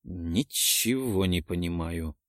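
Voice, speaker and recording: Man doing a puzzled young wizard guy, low slow murmur, dry close sound. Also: steady tone, no room sound. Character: bewildered young male mage, quiet and grave. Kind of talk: audiobook character voice.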